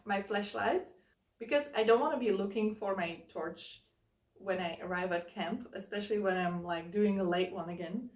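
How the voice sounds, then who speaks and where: In her living room, a hiking vlogger in her thirties casually walks through how she packs her hiking backpack, handling the gear as she goes. Her mid-range voice has a darkish tone and a normal pace. A camera mic across the room gives the sound a roomy, slightly distant quality.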